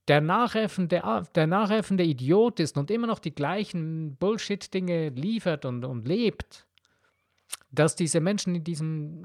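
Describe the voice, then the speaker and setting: A man's voice: a little high, a little mellow, dry recording, clean studio sound. A man hosting a podcast, talking straight at the listener in a blunt, preachy motivational monologue. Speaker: podcast host.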